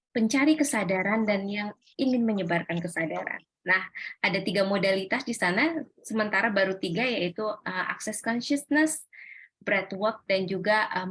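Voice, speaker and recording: Seorang perempuan pembawa acara yang memandu wawancara dengan tenang dan sering menanggapi singkat. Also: female voice, mid-range voice, husky. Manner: calm, encouraging, frequent listening murmurs. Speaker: interview host. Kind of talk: hosting an interview.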